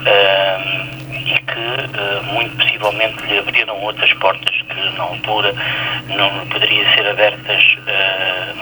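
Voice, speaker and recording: A man's voice: lowish voice, flat delivery, a little slow. A man with a European Portuguese accent phoning a radio show, putting his question politely in a hesitant, roundabout way. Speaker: listener calling in. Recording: noisy phone call to radio.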